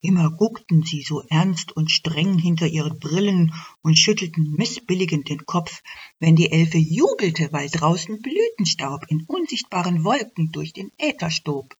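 A woman telling a fairy tale for radio in a calm, measured way. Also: low-pitched, breathy edge. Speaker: storyteller. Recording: dull lo-fi radio recording.

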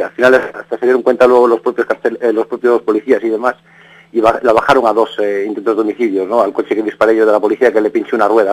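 A man's voice: mid-range voice, rough recording. Man telling a long story. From Galicia, Spain. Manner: rambling, frequent restarts and tag questions. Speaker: interviewee. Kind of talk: casual recounting. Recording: radio broadcast.

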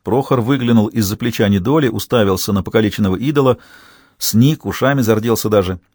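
A man reading an audiobook with steady storytelling narration. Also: lowish voice, quick pace, no echo, clean studio sound.

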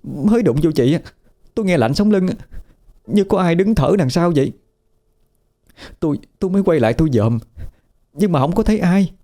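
A man voicing a panicked middle-aged woman who stammers and rushes her words in a ghost story. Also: fairly high pitch, animated, warm tone, voice pushed up. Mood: frightened stammering. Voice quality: stammering, breathless rushing speech.

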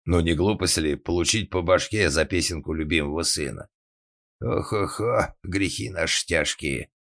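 A man doing a gruff crude old organ-grinder. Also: low voice, normal speed, a bit bright. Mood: grumbling. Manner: rough, grumbling, blunt.

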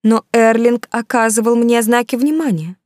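A woman's voice: on the high side, moderate pace, darkish tone, dry recording, clean studio sound, pitched above the performer's own voice, close to an everyday voice. A woman reading the part of a pert, ambitious young noblewoman with a raised, questioning voice.

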